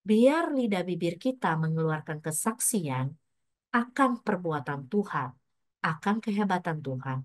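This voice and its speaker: A woman's voice: on the low side, lively intonation, measured pace, no room sound. Chatty middle-aged woman preaching, dry sound. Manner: chatty, mixes in English words. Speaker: pastor. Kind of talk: casual sermon with personal stories.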